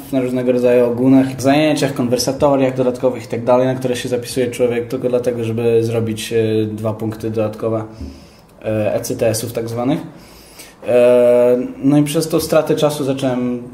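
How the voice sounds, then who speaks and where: Mellow young man in an echoey room. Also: mid-range voice. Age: young adult. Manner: thoughtful, explanatory. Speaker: interviewee, rapper. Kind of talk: casual interview. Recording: echoey room, faint background noise.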